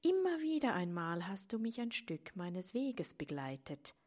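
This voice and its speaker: A woman's voice: mid-range voice, unhurried. Woman doing a sweet little old lady, chirpy and kind, storybook voice. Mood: cheerful, kind. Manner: warm, welcoming, animated. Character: small, cheerful, very old woman.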